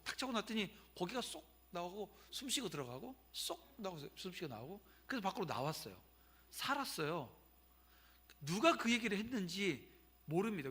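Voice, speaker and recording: Pitched high, sharp, and slightly rough, this man in his fifties is a pastor delivering a Sunday sermon in the sanctuary. He tells a story in a conversational style, turning now and then to speak to the congregation.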